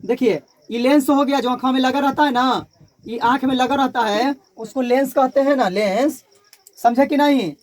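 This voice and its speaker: The recording is dry, capturing a male teacher's very high voice at normal speed as he lectures on physics with a Bihari Hindi accent. Repetition of key terms runs through the lesson, and he has the class repeat them back.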